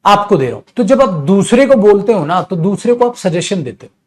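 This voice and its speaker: A man's voice: sits high, animated, brisk, a little mellow. Hindi-speaking man teaching spoken English.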